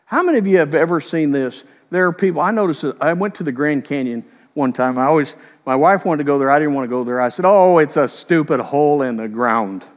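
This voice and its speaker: A middle-aged man preaching a sermon, telling stories in a conversational way and slipping into quick voiced quotes. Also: fairly high pitch, long reverb tail. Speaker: pastor.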